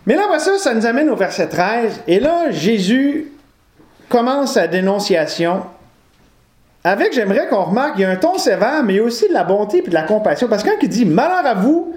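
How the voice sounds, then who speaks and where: A man preaching in a loose, conversational way, his voice sitting notably high for a man. He wanders into jokes and corrects himself as he goes. The sound is roomy and echoey, as in a hall. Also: very animated, a little fast. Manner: conversational, digresses with humor and self-correction. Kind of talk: informal sermon to a live congregation. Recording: roomy echo.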